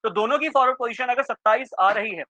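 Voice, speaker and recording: A man teaching a reasoning class for exam prep, quizzing students with quick questions and checking often that they follow. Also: extremely high pitch, pushed and bright, no room sound. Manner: keeps checking in with students, asking "clear?". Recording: dry, slightly dull lo-fi sound.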